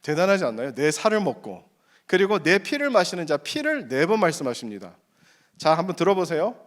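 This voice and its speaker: A man with a Korean-American accent preaching an interactive sermon, putting rhetorical questions to his listeners and stressing key phrases with slow, emphatic repetition. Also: on the high side, sing-song. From United States. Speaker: pastor preaching.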